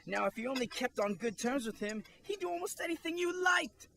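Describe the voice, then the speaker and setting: A woman's voice: high voice, expressive, a little fast, creaky, fairly bright tone, exaggerated voice. A woman playing the Mad Hatter, an eccentric and moody tea-party host, with erratic theatrical delivery in an amateur audio drama. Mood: aggrieved, excitable.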